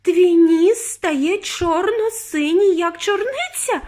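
A woman's voice: extremely high pitch, moderate pace, pitched above the performer's own voice. A shrieking panicked mother. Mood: shrieking alarm. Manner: screeching, wailing, near tears. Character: shrieking panicked mother, middle-aged woman.

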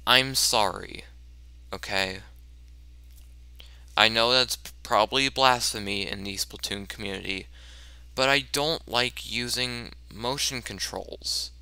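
A man's voice: medium pitch, slow, clean tone, no room sound. A man giving casual, self-mocking commentary over a video game, stammering and restarting often. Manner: excited yelps during tense moments. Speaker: let's play commentator.

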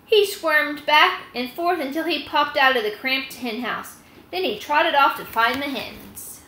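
In a small room at home, this thirties host reads a storybook aloud and gives children instructions, her high voice a little slow and sharp in tone. The laptop webcam captures it with a roomy, faintly noisy sound.

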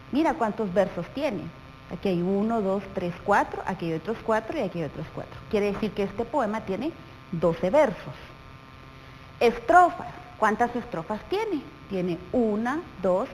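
A woman teacher with a Guatemalan Spanish accent, explaining a lesson to young pupils slowly and patiently, often asking them questions. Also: a little high, a little hiss or hum, low-quality recording. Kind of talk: televised primary school lesson.

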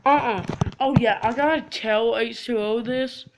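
A woman hosting a casual gaming video, loud, profane and excitable. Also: fairly high pitch, unhurried, background noise. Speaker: gaming channel host.

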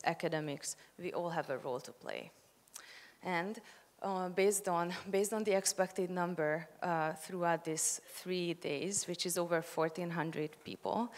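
A young woman gives a measured, prepared opening speech from notes on stage, speaking into a handheld mic. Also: lowish voice. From Hungary. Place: large conference hall, on stage. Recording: long hall reverb.

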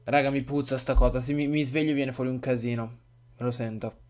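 A man's voice: medium pitch, flat delivery, brisk, heavy background noise. A man playing a horror game, joking, swearing and talking to his viewers as he reads out the dialogue. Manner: jokey, swears, addresses viewers as guys. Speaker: let's play gamer. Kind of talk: casual gameplay commentary and reading game dialogue aloud.

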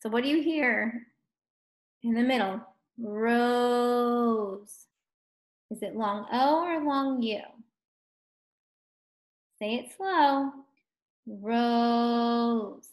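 Young teacher lady doing a phonics lesson for little kids, slow and encouraging, kinda high voice. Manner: slow, encouraging, stretches out words. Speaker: first grade teacher. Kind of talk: distance learning phonics lesson.

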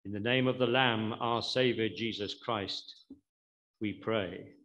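A man leading a communion service, speaking in a measured, solemn and reverent way into a pulpit microphone. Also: fairly low pitch, fairly even intonation, a bit bright, highs cut off. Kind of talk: liturgical prayer and service instructions.

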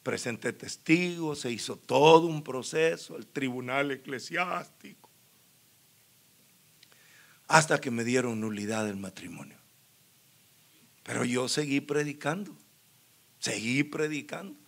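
A man preaching a sermon, telling his own story with lively, acted-out dialogue and frequent laughter. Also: medium pitch, measured pace, vocal fry, long pauses. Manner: animated storyteller, acts out dialogue, laughs often. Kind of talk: sermon with personal testimony.

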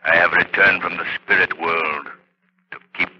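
A menacing phantom avenger from old radio drama, voiced by a man. He taunts in a low, theatrical, sardonic voice, heard through a dull vintage recording. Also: level tone, normal speed, natural voice. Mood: mocking, sinister. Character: mocking, menacing ghostly avenger, cool and taunting. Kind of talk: 1930s radio drama acting.

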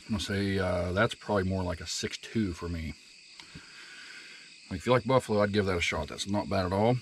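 A man's voice: low-pitched, a little fast, a little hiss or hum. A middle-aged man from West Virginia, rambling in a casual camping vlog, talking straight to his viewers outdoors at night. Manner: laid-back, rambling, talks straight to viewers. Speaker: outdoor vlogger. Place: outdoors at night by a campfire on a dried lakebed.

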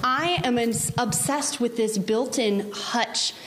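A woman's voice: fairly high pitch, takes it slowly, a little hiss or hum. Bubbly female TV field reporter. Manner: bubbly, upbeat. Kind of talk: live TV news report. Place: large historic house, indoors. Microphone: handheld reporter mic.

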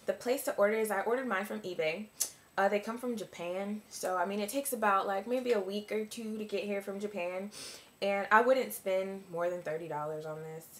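A woman's voice: medium pitch, fairly bright tone, a little hiss or hum. A young woman talking through a casual makeup review in a chatty, rambling way, full of likes and ums. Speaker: beauty vlogger.

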